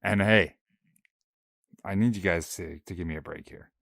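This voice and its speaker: A young adult man co-hosting a casual book podcast, jokey and quick to firmly set his partner straight. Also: low voice, vocal fry, fairly bright tone, no room sound, clean studio sound. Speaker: podcast co-host.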